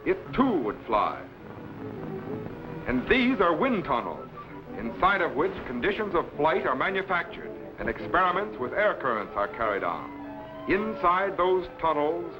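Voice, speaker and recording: Captain Z-Ro, animated lo-fi space-age guide. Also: male voice, fairly high pitch. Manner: formal, instructive, declamatory. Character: authoritative, courteous time-traveling captain and scientific guide. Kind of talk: 1950s television sci-fi serial acting. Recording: dull, lo-fi vintage broadcast recording.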